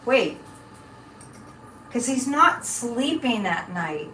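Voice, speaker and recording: A woman psychic hosts a casual live chat, speaking extremely slowly yet very animated, in a fairly high, bright, forceful voice. She rambles and breaks off mid-thought to her viewers. Echo from the room, a distant mic and faint noise mark the recording.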